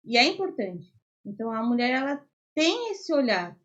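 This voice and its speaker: A woman's voice: a little high, sing-song, normal speed, a bit bright. A young Brazilian woman, a podcast guest, earnestly explaining her faith views in casual talk, with many fillers. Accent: Brazilian Portuguese. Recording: dull lo-fi audio.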